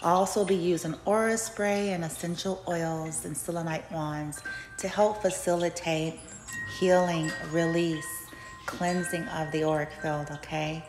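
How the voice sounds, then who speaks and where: A woman speaking as a Reiki healer and channel host, giving a spiritual session preview in a soothing, unhurried, mystical manner. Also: fairly low pitch, steady tone. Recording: echoey reverberant sound with music and chimes.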